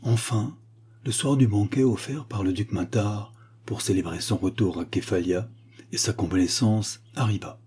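Man, audiobook narration, measured storytelling, breathy, raspy. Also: on the low side, a little mellow. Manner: measured storytelling with acted quotes. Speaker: audiobook reader. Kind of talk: scripted narration.

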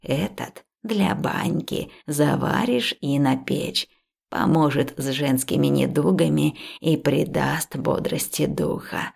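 A woman voicing a wise, stern old village herbalist who gives slow, measured instructions. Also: sits low, vocal fry, darkish tone, husky, pitched below the performer's own voice, heavily acted. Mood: instructive.

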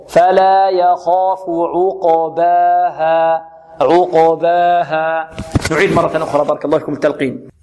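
A man with a high voice leads a Quran recitation lesson. He explains each sound and quizzes his students as he goes. He chants the verses in a slow, drawn-out way so they can follow. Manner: explains pronunciation, then chants verses slowly as examples; quizzes students with rhetorical questions.

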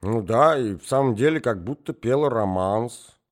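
A man reading an audiobook, voicing a muddled, forgetful old prince who rambles and brightens easily. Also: mid-range voice, expressive, normal speed, lightly acted.

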